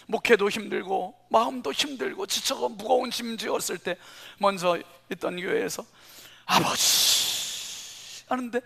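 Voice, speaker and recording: Male pastor, sermon, high bright voice, gravelly, whispers to shouts. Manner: dramatic, swings from whispers to shouting. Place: church.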